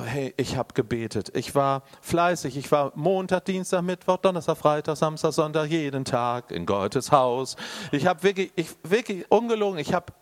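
A man preaching a sermon, addressing the congregation directly and swinging between loud emphatic bursts and quiet, intimate asides. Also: on the high side. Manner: addresses the listener directly and personally.

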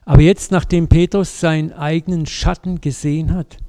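A man preaching a sermon, telling a story with lively, vivid asides and speaking directly to his congregation. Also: fairly high pitch, normal speed.

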